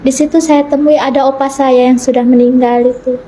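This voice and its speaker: A woman with a high, mellow voice tells her story earnestly in conversation. She acts out the dialogue she recalls and often stops to restart a word. A faint hum of room noise sits under her voice. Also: little pitch movement, fairly quick, low-quality recording. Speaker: interview guest giving a conversion testimony. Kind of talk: personal testimony in conversation.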